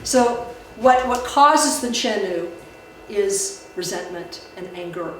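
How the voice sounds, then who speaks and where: A woman's voice: mid-range voice, lively intonation, slow, a bit bright. Woman giving a talk in an echoey room. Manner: conversational, with many restarts and fillers. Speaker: library speaker. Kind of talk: public talk on folklore. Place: room in a library. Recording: echoey room, distant mic, background noise.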